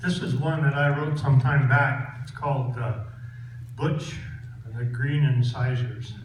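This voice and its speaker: A man's voice: medium pitch, steady tone, a little slow. A man with a cowboy twang performs folksy tall-tale poetry at a live event. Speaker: cowboy poet. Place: echoey room, live event. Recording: echoey hall from far off, loud noise.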